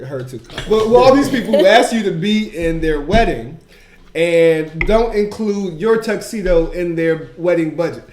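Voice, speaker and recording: A man's voice: high-pitched, lively intonation, unhurried, darkish tone, roomy sound. A man co-hosting a casual chat, ranting bluntly and cursing. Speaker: podcast co-host.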